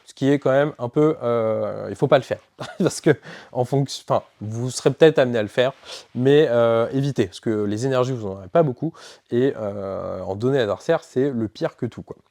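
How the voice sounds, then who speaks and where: Man, game shop presenter, casual rules walkthrough, middle pitch. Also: normal speed, gravelly, warm tone. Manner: casual, filler-heavy walkthrough with self-corrections.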